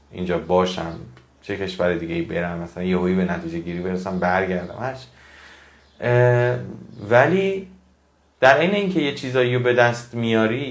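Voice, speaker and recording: A man's voice: on the low side, reverberant. A man giving a motivational talk to his audience, earnest and preachy, repeating phrases for emphasis. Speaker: motivational speaker.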